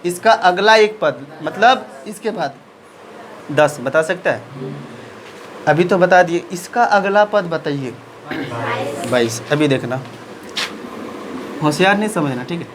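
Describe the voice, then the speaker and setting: Male maths teacher, high-pitched, asks and answers his own questions, faint background noise. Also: expressive, slow pace, pauses often. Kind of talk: classroom maths lesson.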